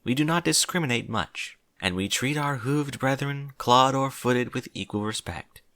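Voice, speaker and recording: A man voicing a regal, earnest female pony princess in a formal, measured, gentle way for a story reading. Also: medium pitch, no echo, studio quality, voice pushed up, lightly acted. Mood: stately.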